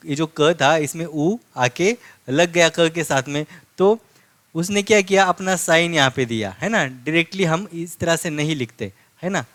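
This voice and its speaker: A man teaching a live online language lesson, slowly drilling words by repeating each one and checking in with tag questions. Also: on the high side, fairly bright tone, dry recording. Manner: slow, repetitive drilling with frequent tag questions.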